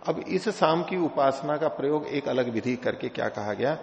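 A man's voice: mid-range voice, lively intonation, moderate pace, creaky, a little hiss or hum. A man teaching scripture in a lecture, explaining step by step, asking rhetorical questions, and chanting Sanskrit verses between explanations. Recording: echoey hall, dull lo-fi sound.

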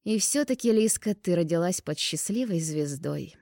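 A woman's voice: fairly low pitch, dark tone, no echo, studio quality, close to an everyday voice. A woman reading an audiobook and voicing a nosy young woman friend who teases, pouts and takes offence easily. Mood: teasing. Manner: teasing, indignant, quick to take offence.

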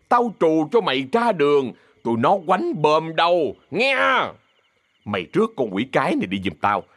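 A man with a mid-range voice plays a fierce older woman who runs a theater troupe, cursing and yelling threats in a Southern Vietnamese accent. The performance is lightly acted, with no room sound.

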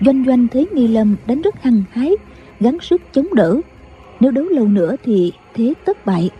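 A woman narrating a martial-arts audiobook in a steady storytelling manner. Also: fairly high pitch, brisk, highs cut off. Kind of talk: scripted narration. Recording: with background music.

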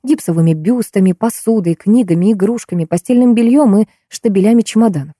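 A woman reading a first-person audiobook in a steady storytelling manner. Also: medium pitch, fairly quick, no room sound, clean studio sound. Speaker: audiobook narrator.

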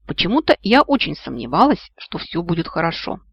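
A reader narrating a first-person fantasy audiobook in a lively way, exclaiming when voicing the heroine. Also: medium pitch, brisk, gravelly, slightly rough. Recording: dry, muffled, dull-sounding recording.

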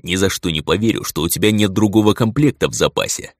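A man's voice: low voice, quick pace, no room sound. Guy reading cranky old wolf god, growly and curt, dry close sound. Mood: weary. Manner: brusque, growling reproach.

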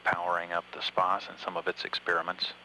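A man giving measured, matter-of-fact mission commentary as a control room announcer, halting at times. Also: low voice, completely flat delivery, sharp tone, slight background noise, rough recording. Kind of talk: public affairs mission commentary.

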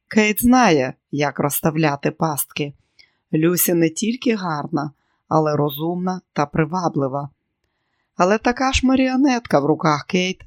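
Audiobook narrator, measured and even, mid pitch, dead-dry close sound. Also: dry recording. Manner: measured storytelling. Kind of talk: scripted narration.

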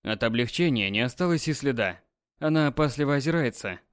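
A man narrating an audiobook in an even, dramatic storytelling manner. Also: mid-range voice, fairly quick, dry recording, studio quality.

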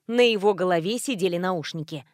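A woman narrating a first-person audiobook in a steady storytelling manner. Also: on the low side, brisk, no echo, studio quality.

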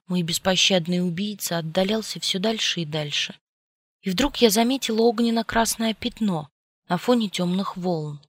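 A woman's voice: fairly low pitch, no room sound, studio quality. A woman narrating a story in the first person, in an intimate storytelling manner. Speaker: audiobook reader. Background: faint music.

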